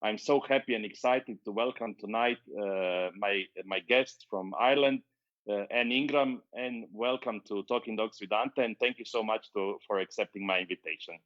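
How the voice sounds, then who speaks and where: A man hosting a live-streamed interview, speaking in halting full of fillers and restarts, reading viewer comments aloud. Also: on the low side. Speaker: interview show host. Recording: dull lo-fi stream audio.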